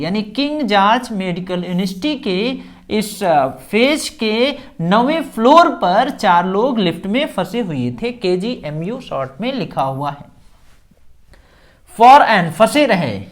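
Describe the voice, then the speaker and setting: Slow, patient Indian woman teacher. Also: mid-range voice. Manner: reads English phrases slowly, explains each in Hindi. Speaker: English teacher. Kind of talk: newspaper reading lesson.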